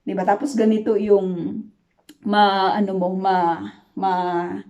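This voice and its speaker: A woman teaching a Bible study in an earnest preaching style. She keeps checking in with her listeners, mixes English words into her talk, and slows down to stress key lines. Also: medium pitch, little pitch movement, darkish tone. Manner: earnest, asks listeners "di ba?" again and again. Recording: dull lo-fi sound.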